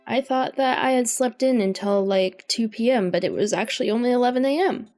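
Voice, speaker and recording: A woman's voice: brisk, darkish tone. Sleepy, playful Canadian woman chatting casually. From British Columbia, Canada. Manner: sleepy, low-key rambling. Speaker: livestreamer. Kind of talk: casual chat while playing a farming game. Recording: music behind the voice. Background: music.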